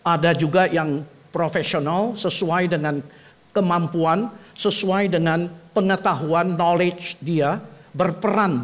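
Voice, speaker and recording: A pastor, preaching a sermon in a church. He talks to the congregation in a chatty way, asks them direct questions, and builds up to loud, emphatic peaks. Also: fairly high pitch. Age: 70s. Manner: conversational preaching that swells to loud emphatic climaxes.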